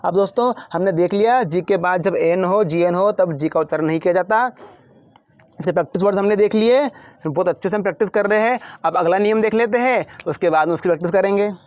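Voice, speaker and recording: A man's voice: high voice, fast talker, a little mellow, dry recording. A man teaching English words as an instructor, repeating each word and asking questions back to his students. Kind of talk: Hindi-language English vocabulary lesson.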